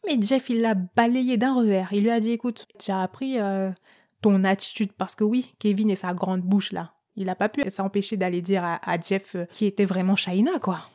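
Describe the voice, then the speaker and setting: A young woman hosting a storytelling podcast, telling a story in a lively, chatty way with slang and fillers. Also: medium pitch, normal speed. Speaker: podcast host.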